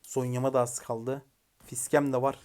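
A young man commentating his own mobile game match, excitedly shouting commands at teammates and venting frustration. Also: mid-range voice, normal speed. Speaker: gaming YouTuber. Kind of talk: live gameplay commentary.

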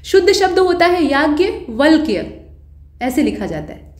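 A woman's voice: very high voice, sing-song, brisk, darkish tone, roomy sound. A woman teaching Hindi grammar for an exam, walking through answers patiently, putting questions to students and correcting her own slips. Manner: patient explainer who asks students rhetorical questions. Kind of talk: exam-prep lesson explaining answers.

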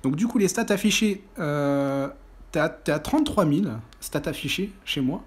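A man giving excitable commentary over a football video game he is playing, often breaking into loud exclamations and groans. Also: fairly high pitch, normal speed, slightly rough. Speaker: gaming YouTuber. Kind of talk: mobile football gameplay commentary.

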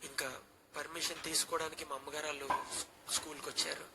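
A man's voice: a little high, level tone, quick pace, heavy background noise. A young man in his twenties, a pastor, earnestly telling a personal testimony and slipping English phrases into his speech.

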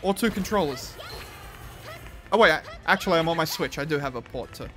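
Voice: mid-range voice, lively intonation, a little fast, pushed and bright, faint music behind. A gamer giving casual, reactive commentary while playing, swearing and exclaiming at the game as they talk to themselves. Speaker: video game streamer.

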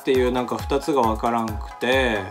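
A man's voice: medium pitch, steady tone, brisk, music in the background. A man co-hosting and answering a quiz in playful, casual chat. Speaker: co-host and quiz contestant.

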